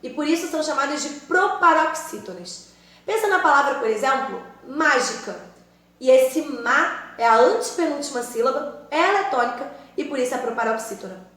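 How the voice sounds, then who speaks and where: A high-voiced woman teaches a grammar lesson with lively emphasis. She calls out example words to her viewers. Her voice rings in a very echoey room. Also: normal speed.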